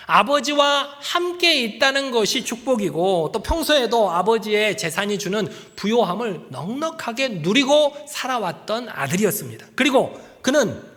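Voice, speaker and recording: Lively high-voiced pastor preaching. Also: male voice. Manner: animated preaching, acts out quoted voices, drops to soft near-whispers. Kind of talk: sermon. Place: church sanctuary. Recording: church hall with long reverb.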